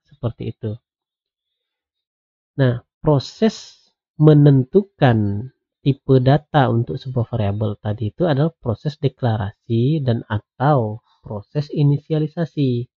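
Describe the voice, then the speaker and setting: A man giving a programming lecture while coding on screen, explaining slowly and patiently with lots of "nah" and "ya". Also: medium pitch, husky. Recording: tinny phone-like audio.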